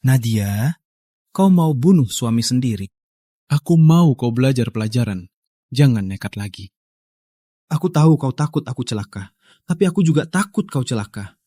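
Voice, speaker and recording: A man's voice: medium pitch, expressive, normal speed, long pauses, no room sound, clean studio sound, close to an everyday voice. A man voicing a devoted young husband, tender and reassuring in a dubbed drama. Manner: tender, reassuring, gently teasing.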